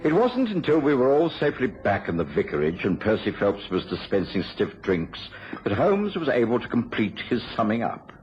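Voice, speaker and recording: A man playing an earnest English gentleman doctor, telling the story in formal radio-drama narration. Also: medium pitch, huge pitch swings, moderate pace, few pauses. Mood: measured, grave. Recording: dull lo-fi radio recording, loud music.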